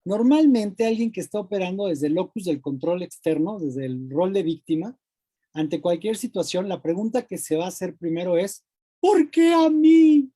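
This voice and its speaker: A Mexican man giving a lively, colloquial motivational talk, acting out voices of the mind and a friend. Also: high-pitched, moderate pace, slightly rough. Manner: animated, colloquial, acts out inner voices. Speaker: speaker.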